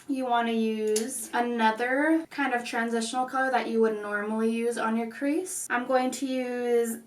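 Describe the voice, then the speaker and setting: A woman hosting a casual makeup tutorial, speaking with slightly odd, constrained articulation. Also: a little high. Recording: echoey room, distant mic.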